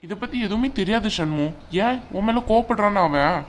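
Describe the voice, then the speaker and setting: A woman voicing a calm, reassuring young man in a cartoon. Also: mid-range voice, moderate pace, a little hiss or hum, natural voice. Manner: reassuring, easygoing. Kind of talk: cartoon voice acting.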